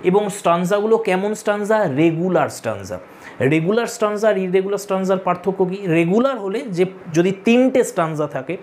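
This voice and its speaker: A man's voice: sits high, darkish tone, slight background noise. A man teaching literature to exam students in a lecture, explaining step by step, repeating key points and telling students to take notes. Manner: addresses students directly, tells them to take notes. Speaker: literature tutor.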